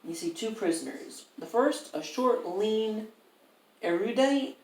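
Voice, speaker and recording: A woman narrating as game master in a halting, filler-heavy way. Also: on the high side, animated, darkish tone. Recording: echoey room, faint noise.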